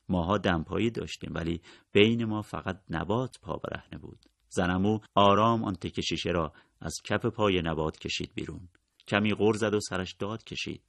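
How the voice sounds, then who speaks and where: A man narrating a novel in a calm, measured way, his voice sitting very low with a gravelly edge. The sound is dry and close, with no room around it. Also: no room sound. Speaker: audiobook narrator. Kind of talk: scripted literary narration.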